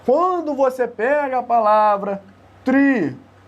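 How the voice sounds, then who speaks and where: A male Portuguese teacher leading an exam-prep grammar lesson, repeating key terms for emphasis and slowing down to stress rules. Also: on the high side, expressive, darkish tone, breathy edge, lo-fi sound.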